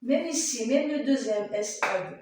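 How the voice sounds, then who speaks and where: A primary school teacher with a slightly high, slightly slow voice gives a child a dictation lesson, patiently correcting spelling and sounding out syllables. The classroom is echoey, the mic sits far away, and there is faint noise.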